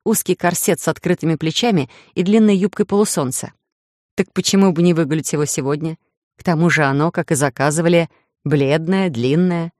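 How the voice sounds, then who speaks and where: A woman narrating a first-person romantic audiobook in a lively, ironic way. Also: deep voice, brisk, no echo, studio quality. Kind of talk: scripted narration.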